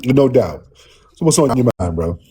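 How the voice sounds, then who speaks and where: A man's voice: mid-range voice, lively intonation, normal speed, mellow, slightly rough. A man hosting a casual livestream call-in, rambling and searching for words while he is under the weather. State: under the weather, lozenge in mouth.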